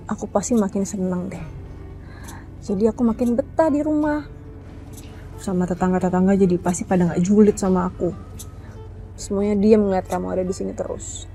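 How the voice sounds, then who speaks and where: An actress playing a sweet, clingy wife. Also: female voice, medium pitch, dark tone, lightly acted, low-quality recording. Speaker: actress in a TV soap.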